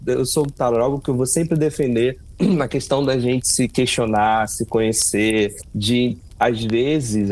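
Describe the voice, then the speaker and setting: A man from Rio de Janeiro with a Carioca accent, a tarot reader talking in a casual interview, telling stories with lots of fillers and restarts. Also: medium pitch. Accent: Carioca Brazilian Portuguese. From Brazil, Rio de Janeiro. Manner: animated storyteller, many fillers and restarts.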